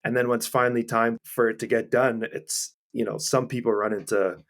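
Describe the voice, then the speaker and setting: A man hosting a podcast, gently asking questions and reflecting on his guest's story. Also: mid-range voice, flat delivery, a little fast. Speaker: podcast host. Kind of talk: interviewing.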